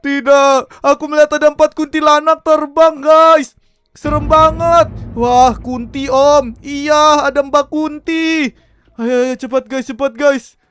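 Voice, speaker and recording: A man narrating a role-play game in a panicky, excitable way, constantly talking to his viewers. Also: very high-pitched, measured pace, soft background music. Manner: excitable, keeps addressing viewers as guys.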